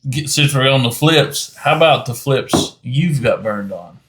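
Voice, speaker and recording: A man's voice: medium pitch, animated, measured pace, fairly bright tone, slight background noise. A man in a casual podcast chat, mostly chiming in with brief agreement. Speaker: podcast co-host.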